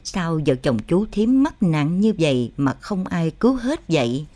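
A woman's voice: lowish voice, sing-song, measured pace, dark tone. A woman voicing a middle-aged village wife who weeps while lamenting a death. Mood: tearful lament. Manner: tearful lamenting.

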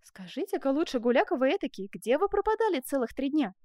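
A woman's voice: sits high, big pitch swings, quick pace, a little mellow, no room sound, studio quality, voice pushed up. A woman voicing a coquettish young seamstress who teases her lover, in a storybook reading. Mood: teasing. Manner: coquettish, teasing.

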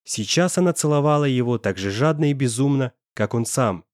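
Man narrating an audiobook, lively. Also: mid-range voice, fairly quick, no room sound, clean studio sound. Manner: expressive storytelling. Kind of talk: audiobook narration of a romance novel.

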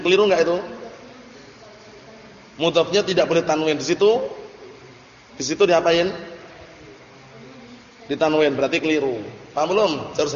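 A man teaching Arabic grammar to a class, questioning students and drilling their answers. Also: fairly high pitch. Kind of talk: classroom lesson. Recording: dull, echoey hall recording.

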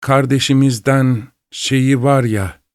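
A man's voice: medium pitch, steady tone, takes it slowly, darkish tone, clean tone, dry recording, clean studio sound, pitched above the performer's own voice, close to an everyday voice. A man voicing a sly, grim old spinster woman who murmurs and cackles, in a storybook reading. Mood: confiding.

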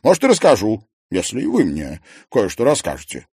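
A man voicing a plump, chatty young woman who works in a museum, speaking in a shrill, emphatic way. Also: huge pitch swings, a little fast, gravelly, a little mellow, slightly rough, dry recording, clean studio sound, exaggerated voice.

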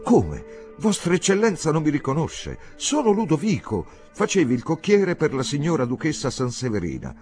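An eager, devoted young coachman , put on by a male reader, who lifts his voice high and lets it rise and fall with fervent loyalty. He talks to his master with lively urgency in a storybook reading. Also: moderate pace, faint music behind.

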